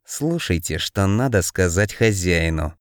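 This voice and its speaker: A male reader gives voice to a dangerous, unhinged convict in an audiobook. The voice sits low and quiet, each threat laid out slowly. The recording is dry and close. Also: lively intonation, no room sound. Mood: menacing. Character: sinister convict enforcer, menacing calm man.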